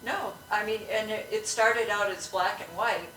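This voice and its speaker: A woman's voice: medium pitch, moderate pace, reverberant, far from the mic, background noise. A woman guest in casual chat, agreeable and chatty. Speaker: podcast guest.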